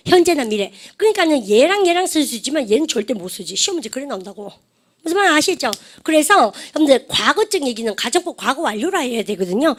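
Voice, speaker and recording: A middle-aged woman teaching English grammar in a lively lecture. She coaxes her students to repeat phrases after her and mixes chatty Korean asides with slow English drills. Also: sits high. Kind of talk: lively classroom-style lecture.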